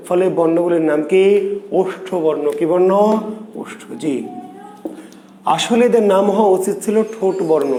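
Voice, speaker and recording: A man teaching grammar live online. He fires questions at the students and answers them himself, over and over. His voice is fairly high but mellow, and the room around him is echoey.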